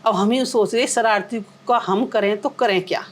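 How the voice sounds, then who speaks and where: A woman's voice: mid-range voice, normal speed, slight background noise. A middle-aged woman, a singer's mother, telling family stories in a podcast interview with vivid, emotional retelling.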